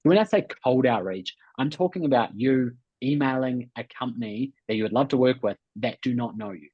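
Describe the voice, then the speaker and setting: A business coach with a New Zealand accent hosts a coaching webinar, his medium-pitched voice a little fast with a breathy edge. He explains things emphatically, repeats key points and checks in often. The webinar audio sounds muffled and roomy.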